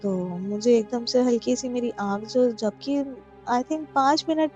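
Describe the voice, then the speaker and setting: A woman from Pakistan recounts a true haunting in a fairly high but mellow, soft-edged voice, hesitating often and mixing in English words. She comes through a dull lo-fi phone voice note with faint music underneath. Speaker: caller sharing a personal story. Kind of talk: telling a true ghost story.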